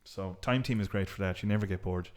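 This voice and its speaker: A man from south Galway, a historian who is a guest on a podcast, explains his work in a relaxed way and chuckles often. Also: sits low, quick pace. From Ireland, south Galway. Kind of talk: casual podcast interview.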